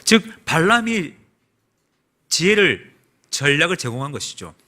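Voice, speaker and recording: A man preaching a Sunday sermon as a pastor in a church, asking the congregation rhetorical questions. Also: a little slow. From South Korea. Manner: preaching with rhetorical questions and lively swings in pitch and volume. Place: church sanctuary.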